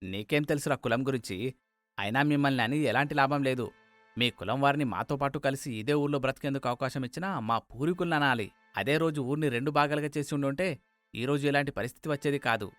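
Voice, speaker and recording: A man voicing an angry, proud older village man who shouts threats in a cartoon story. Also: medium pitch, fast talker, no room sound, soft background music, lightly acted. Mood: furious.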